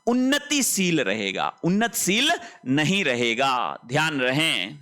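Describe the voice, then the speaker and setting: A man's voice: a little high, very animated, slow, pushed and bright. A man teaching a spelling lesson, emphatic and repetitive, often asking rhetorical questions. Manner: emphatic, repeats words and asks rhetorical questions. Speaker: Hindi teacher.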